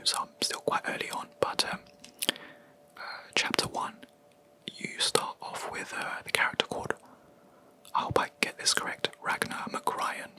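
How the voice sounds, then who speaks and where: A video creator rambles hesitantly in whispered ASMR gaming chat, full of ums and self-corrections. The soft, unvoiced whisper stays very bright and crisp throughout, though the recording quality is low.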